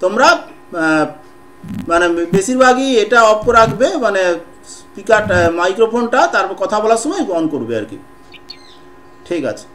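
A male teacher with a fairly high voice gives an online lesson, building ideas step by step. He pauses often and fills the gaps with soft "ah" sounds. He speaks into a computer microphone on a video call. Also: very animated, slight background noise. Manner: explains step by step with frequent pauses and filler sounds. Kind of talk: online class lecture.

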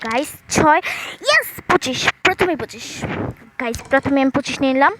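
A woman doing chatty voice-over commentary on a game, talking quietly into an earphone mic at home so she won't wake anyone. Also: sits high, animated, fairly quick, a little hiss or hum. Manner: talks quietly so as not to wake her sleeping parents; chatty, keeps addressing viewers. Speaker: gaming channel host. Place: room at home at night. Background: game music.

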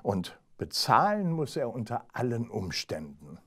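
A crafty, stubborn storybook hedgehog who speaks calmly and a little grumpily, voiced by a man reading aloud. He talks slowly, with a lively rise and fall. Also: medium pitch, breathy edge, full character voice. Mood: scheming. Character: clever, stubborn male hedgehog.

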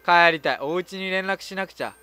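A woman's voice: lowish voice, brisk, bright, forceful tone, clear, resonant tone. A woman with a Kansai accent giving casual horror game commentary as a streamer, full of blunt, mouthy asides. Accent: Kansai Japanese. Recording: music behind the voice.

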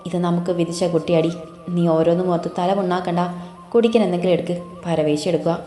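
A woman voicing an easygoing middle-aged father in an audiobook story, calm and a little commanding. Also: fairly low pitch, fast, echoey room, in a large hall, soft background music, natural voice.

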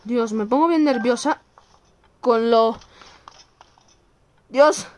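A woman's voice: a little high, slow pace, slight background noise. A woman hosting a let's-play video, nervous, exclaiming and apologizing to her viewers as she plays. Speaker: gameplay video host.

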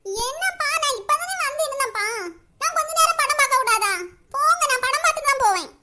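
A woman's voice: extremely high pitch, brisk, very noisy. A woman voicing a nosy, cheeky teenage sister in a cartoon who plans to tell on her brother. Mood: whiny. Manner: teasing, scheming.

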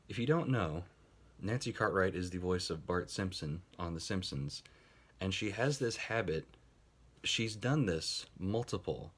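A man's voice: sits low, breathy edge. A man making a casual commentary video, talking sarcastically with swearing and laughing asides. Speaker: YouTube commentator.

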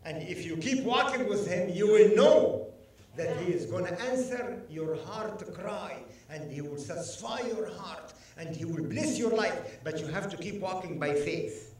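A high-voiced man preaches with big swings of pitch, slow and emphatic, pushing each phrase out to his listeners. He is heard from some distance in a very echoey church hall, with faint room noise behind him. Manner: animated, emphatic, calls on congregation to respond. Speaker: guest preacher. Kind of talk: sermon. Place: church sanctuary.

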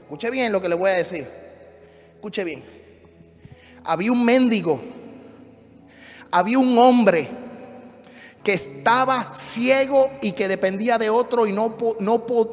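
A male pastor preaching a fervent sermon in a church, swinging between shouted refrains and hushed teaching. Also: sits high. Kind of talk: passionate Spanish sermon. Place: church sanctuary. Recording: reverberant church hall with music.

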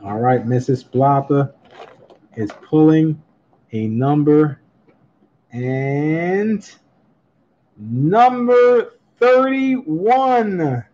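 Slow, mellow livestream coin auction host. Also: male voice, on the high side, lively intonation. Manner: upbeat, reads chat comments aloud and laughs often. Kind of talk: casual livestream chat. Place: indoor room at a table with coins, voice off camera. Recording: slightly dull lo-fi webcam audio.

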